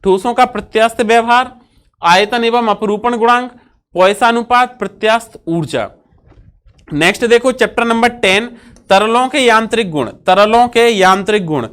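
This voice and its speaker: A woman teaching a physics lesson, who repeats each point and asks questions that she answers herself, often pausing to check with "ठीक है". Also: on the high side, a bit bright. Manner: fills pauses with "ठीक है" checks. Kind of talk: classroom-style lesson.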